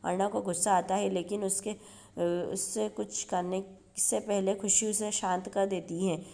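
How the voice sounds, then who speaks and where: Lady channel host reading a tv serial recap, flat even delivery, keeps quotes in her own voice. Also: medium pitch, a little slow, creaky. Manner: steady read-through, reads quoted dialogue in her own voice.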